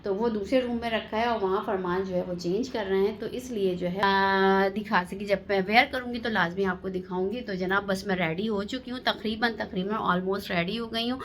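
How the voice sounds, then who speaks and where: A woman's voice: mid-range voice, steady tone, normal speed, few pauses, a little hiss or hum. A woman family vlogger, chatting casually to her viewers and calling them "janab" as she films herself on a phone. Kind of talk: casual vlog narration. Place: at home and at a family birthday party.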